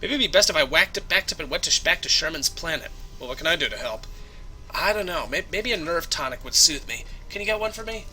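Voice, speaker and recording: A frightened young shopkeeper woman, as a man puts her on, her voice pitched high and bright. She stammers shakily, lively and breathless in her fear. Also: fast talker, slight background noise. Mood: scared.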